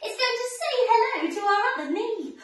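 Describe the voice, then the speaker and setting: A woman's voice: very high voice, lively intonation, fairly quick, a bit bright. A young woman teaching small children like an overbright kids party host, with sing-song delivery, coaxing questions and exaggerated oohs. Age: young adult. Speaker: pre-school ballet teacher. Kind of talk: children's lesson and storytelling, talking to small children. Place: living room with wooden floor. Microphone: camera a few metres away. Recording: roomy echo, distant camera microphone, faint music.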